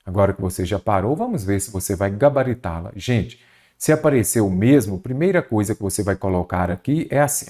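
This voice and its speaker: Male teacher, online exam prep, animated, swooping intonation, direct address to viewers. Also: on the low side, brisk. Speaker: Portuguese teacher.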